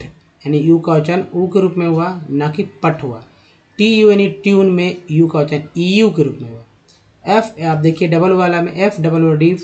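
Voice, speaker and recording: A man's voice: fairly high pitch, darkish tone. A man teaching English to viewers in a casual, spoken lesson, calling them friends and sounding out letters and words one by one. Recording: dull lo-fi recording.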